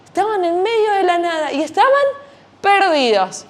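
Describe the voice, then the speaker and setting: A woman's voice: extremely high pitch, moderate pace. A woman telling a story to children at church, often quizzing them with questions. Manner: animated, questioning the kids. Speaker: children's Sunday school teacher.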